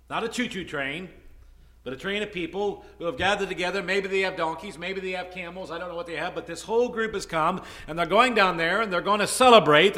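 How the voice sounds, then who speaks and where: A man preaching a conversational sermon, retelling a Bible story with soft asides and loud, emphatic peaks. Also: on the high side. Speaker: pastor.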